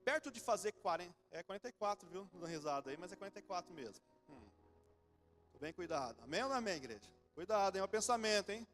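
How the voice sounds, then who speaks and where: Man, 40s, brazilian accent, high voice, animated sermon, faint music behind. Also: fast talker. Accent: Brazilian Portuguese. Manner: animated preaching with sudden drops to a soft, low voice. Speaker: pastor. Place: church.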